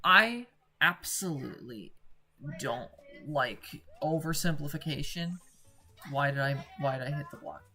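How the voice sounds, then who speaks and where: A woman with a low but bright, forward voice and a mixed Atlantic and American accent gives casual gameplay commentary. She rambles through tangents and swears offhandedly as she plays. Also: lively intonation, a little slow, soft background music. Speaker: let's play host.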